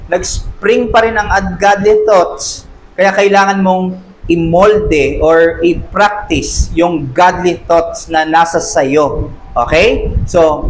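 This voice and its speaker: High-voiced male Sunday school teacher. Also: a little hiss or hum, poor audio. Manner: conversational, checks in with rhetorical questions; acts out quoted voices. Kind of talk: church class lecture.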